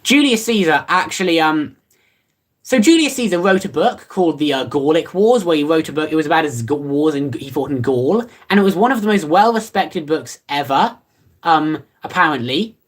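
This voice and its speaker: Livestreamer, casual chat, lively swinging pitch, rambling, fillers, playfully sarcastic. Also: moderate pace. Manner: rambling and offhand, many fillers and restarts.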